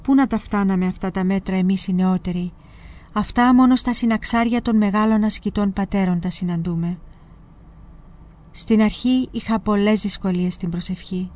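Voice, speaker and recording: A woman presenter reading a spiritual memoir aloud in a measured, expressive way. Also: mid-range voice.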